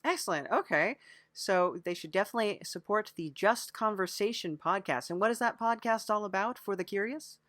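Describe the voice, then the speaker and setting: This podcast host's voice sits in the mid range, brisk and a little bright. She chats playfully in a mock-earnest way during a loose, improvised interview and show banter.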